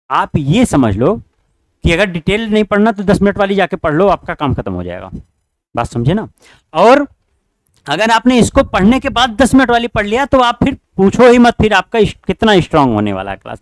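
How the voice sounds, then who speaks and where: A man's voice: fairly high pitch, no room sound. A man teaching an online exam-prep class, working through test questions and urging his students again and again. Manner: repetitive, urging students directly.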